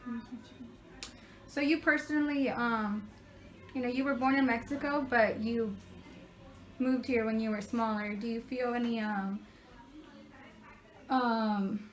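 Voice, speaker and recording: A woman's voice: on the high side, steady tone, takes it slowly, pauses often, rough recording. A woman interviewer asking prepared questions hesitantly, with many ums. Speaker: student interviewer.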